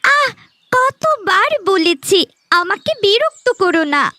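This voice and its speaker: A woman voicing a spoiled, rude young village girl in a cartoon, with a shrill, bratty manner. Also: sing-song, takes it slowly, sharp tone, no room sound, studio quality, exaggerated voice. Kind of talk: cartoon voice acting.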